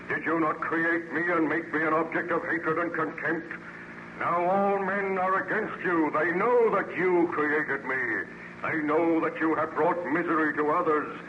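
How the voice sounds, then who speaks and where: An actor playing a vengeful, contemptuous man-made monster in an old-time radio horror serial, declaiming slowly and grandly. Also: on the high side, lo-fi sound, lightly acted. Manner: slow, menacing, grandiose archaic declamation. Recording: noisy, band-limited old radio recording.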